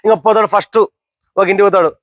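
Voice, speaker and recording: A man's voice: sits high, fairly even intonation, racing, a bit bright, dry recording. A young man telling a motivational story to listeners, asking them questions and acting out characters' lines.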